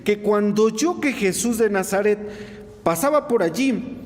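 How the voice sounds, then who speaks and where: A man's voice: high voice, lively intonation, measured pace, long reverb tail. A man preaching a sermon to his congregation, asking them rhetorical questions. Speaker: pastor.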